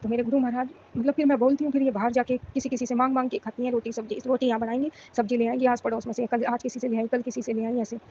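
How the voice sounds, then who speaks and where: A middle-aged woman from Rajasthan pours out a pleading devotional prayer in a rapid, fairly flat delivery. Her voice is mellow and sits a little high. The recording is muffled and lo-fi, with faint hiss. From Rajasthan, India. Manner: pleading, emotional, repetitive devotional chanting. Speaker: devotee giving testimony.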